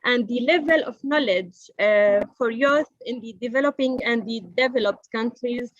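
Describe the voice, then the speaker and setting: A woman's voice: a little high, normal speed, dry recording, highs cut off. A woman from Palestine, speaking earnestly as a youth panelist in an online panel discussion.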